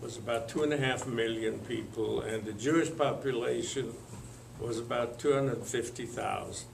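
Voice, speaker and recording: An older man from Lithuania, telling his life story to an audience in a slow, halting way with many pauses and fillers. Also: mid-range voice, creaky, roomy sound, slight background noise. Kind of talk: spoken testimony to an audience.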